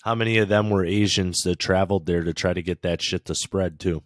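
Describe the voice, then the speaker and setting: A man's voice: sits low, steady tone, brisk, no room sound, clean studio sound. A man hosting a podcast, ranting casually and swearing often. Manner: profane, ranting. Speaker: podcast host.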